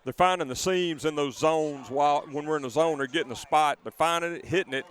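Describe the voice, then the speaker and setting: Color commentator, slightly high pitch, chatty with stop-start phrasing, outdoors at the field. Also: male voice, a little fast, a bit bright, clear, resonant tone. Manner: conversational, repeats words as he restarts. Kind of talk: live football color commentary. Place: outdoors at a high school football stadium.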